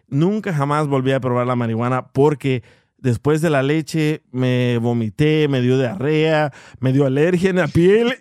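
A man's voice: mid-range voice, clear, resonant tone, dry recording, clean studio sound. A man telling a funny story in casual chat, laughing and acting out the people in it. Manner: animated, laughing, acts out voices of people in his story.

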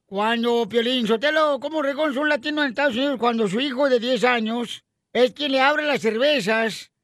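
A man hosting a comedy radio show, joking, laughing and breaking into loud outbursts. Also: extremely high pitch, moderate pace, dry recording, studio quality.

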